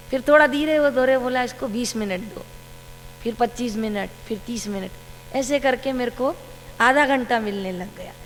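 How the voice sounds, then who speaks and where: A woman giving a devotional satsang talk, telling a story about her guru and quoting his words. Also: fairly high pitch. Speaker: satsang speaker. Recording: long hall reverb with faint hum.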